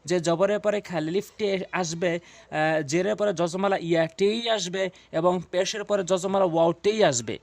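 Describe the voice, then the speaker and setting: A man with a high voice teaches Quran reading, recorded close and dry with no room sound. He repeats each rule several times and chants syllables in drills, pausing on hesitant fillers between phrases. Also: dry recording. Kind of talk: spoken tutorial lesson.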